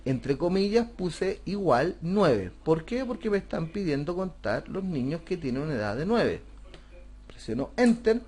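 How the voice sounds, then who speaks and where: A man talks through a spreadsheet lesson step by step. His voice sits a little high, and he keeps checking in with rhetorical questions. It sounds like a close desk or headset mic on a screen recording. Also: very animated, a little slow, darkish tone, breathy edge. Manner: patient, step-by-step explaining, asks rhetorical questions. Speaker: computer class teacher. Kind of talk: screen-recorded software tutorial.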